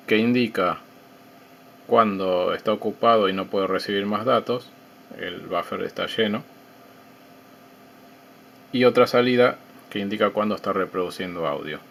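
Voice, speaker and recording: A man calmly narrating a technical demo of his electronics project in a measured, explanatory way with pauses. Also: fairly low pitch, vocal fry, slight background noise.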